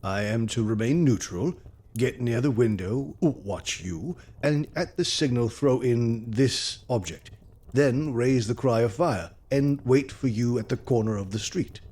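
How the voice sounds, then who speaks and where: An actor playing Dr. Watson, a loyal, earnest gentleman who narrates and talks in a measured storytelling manner for an audio drama. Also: mid-range voice, expressive. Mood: attentive, neutral.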